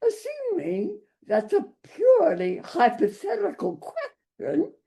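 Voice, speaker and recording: A woman voicing a snooty middle-aged European woman army major in a high-pitched, haughty voice, read aloud from a book. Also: huge pitch swings, slow pace, vocal fry, mellow, exaggerated voice.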